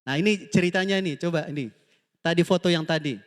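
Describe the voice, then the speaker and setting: Male pastor, high voice, animated sermon delivery, reverberant church hall. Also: quick pace. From Indonesia. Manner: lively preaching, often asks the congregation for amen; animated storytelling, acts out quoted dialogue.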